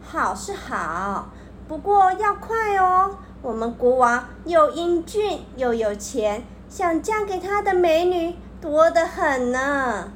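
A woman's voice: extremely high pitch, big pitch swings, slow, slight background noise, pitched above the performer's own voice, full character voice. A woman voicing a sly, clever young male fox in a children's story, coaxing and boastful.

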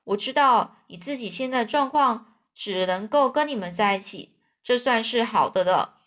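A theatrical young man who sighs over his lost fortune and plays the tragic hero, acted by a woman reading a storybook aloud. The voice leans somewhat high with sweeping emotional delivery. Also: animated, moderate pace, fairly bright tone. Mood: mournful. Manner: sighing, mournful, theatrical. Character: self-pitying young male drifter, melodramatic.

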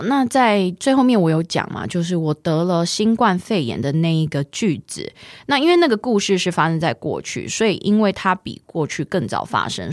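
Lively woman teaching English words. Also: fairly low pitch, dry recording, clean studio sound. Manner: patient, drills words for repetition. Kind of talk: bilingual language lesson.

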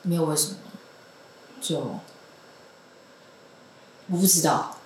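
A woman's voice: fairly low pitch, fairly even intonation, slow pace, darkish tone, a little hiss or hum. A young woman, chatting casually as a guest and telling a long, rambling story between frequent giggles. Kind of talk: casual chat. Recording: roomy echoing room.

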